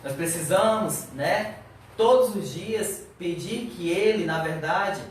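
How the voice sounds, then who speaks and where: A man's voice: high voice, takes it slowly. Echoey, distant man teaching scripture. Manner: earnest, exhorting with rhetorical questions. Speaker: Sunday Bible school teacher. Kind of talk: Bible class teaching. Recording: very echoey, distant mic, faint noise.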